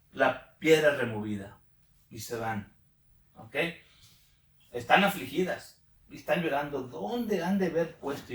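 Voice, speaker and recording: A man's voice: medium pitch, gravelly, fairly bright tone. A man leading a Bible study, reading passages aloud and then explaining them, checking in with his listeners through frequent questions. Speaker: Bible teacher. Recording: roomy echo, distant mic.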